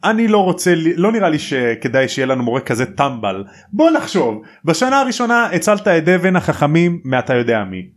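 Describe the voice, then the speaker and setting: A man voicing an eager, loyal teenage schoolboy wizard in a raised, excited voice. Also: fairly high pitch.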